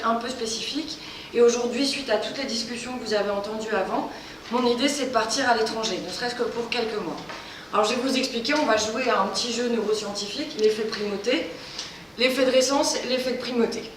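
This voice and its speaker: A woman gives a humorous, animated short pitch about herself as a new doctor. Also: brisk. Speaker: doctoral contest speaker. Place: large lecture hall. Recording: echoey hall, distant mic, background noise.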